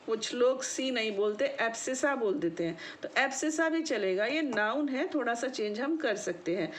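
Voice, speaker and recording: A woman's voice: on the high side, animated, normal speed. A woman teaching a maths lesson in a patient, explaining way, often checking whether her students have understood and calling them child. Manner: addresses students affectionately as child. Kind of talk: classroom explanation.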